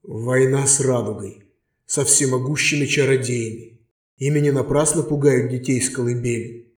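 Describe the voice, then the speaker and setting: A man reading an audiobook voices an emperor thinking to himself in a low, grave, inward tone. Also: fairly even intonation, normal speed, echoey room, far from the mic, natural voice. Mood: grave fear. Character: frightened emperor brooding in his thoughts.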